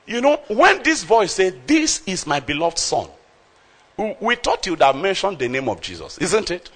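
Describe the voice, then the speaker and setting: A man's voice: high voice, big pitch swings, moderate pace, a bit bright, breathy edge. A man preaching a sermon, explaining scripture verse by verse and calling out emphatically to his congregation.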